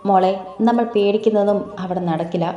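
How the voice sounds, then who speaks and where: A woman voicing a gentle, persuasive husband who calms his frightened wife. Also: sits high, a little fast, lo-fi sound, natural voice. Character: calm, reassuring husband. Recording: echoey room, soft music behind.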